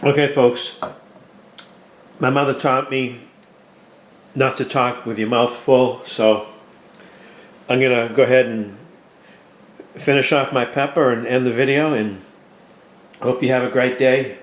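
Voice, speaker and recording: A man hosting a cooking video, chatting in a folksy, relaxed way while tasting his food. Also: medium pitch, measured pace, long pauses. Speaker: cooking show host. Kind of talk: casual cooking vlog chat. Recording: roomy with faint clatter.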